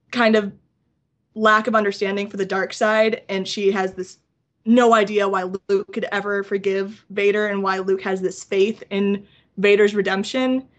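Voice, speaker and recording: A woman guest on a fan podcast, chatting enthusiastically in long excited runs. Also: medium pitch. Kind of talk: casual chat.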